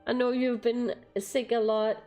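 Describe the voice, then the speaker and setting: A woman from Denmark streaming, chatting casually in an unhurried way, giggling often and swearing here and there. Faint music sits low behind her voice. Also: level tone, warm tone. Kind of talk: casual livestream chat.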